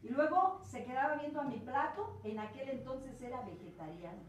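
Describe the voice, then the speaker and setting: High-voiced swearing Mexican woman, echoey room. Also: expressive, normal speed. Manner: crude, blunt, swearing, rising to loud self-reproach. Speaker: rehab sponsor giving testimony. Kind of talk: personal testimony to a group. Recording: echoey room, mic far off, faint noise.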